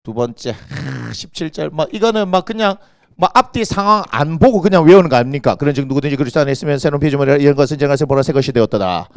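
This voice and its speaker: Middle-aged pastor guy, rattles through his sermon super fast, pitched high, acts out stories loud, dry close mic. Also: vocal fry, no room sound. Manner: animated storytelling, acts out quoted voices and shouts. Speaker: senior pastor. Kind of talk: lively sermon. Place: church sanctuary.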